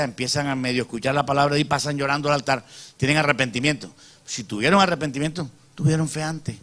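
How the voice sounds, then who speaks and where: A male pastor preaching a sermon, calling out amen and asking the congregation rhetorical questions, dropping to soft asides and rising to loud emphatic peaks. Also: medium pitch.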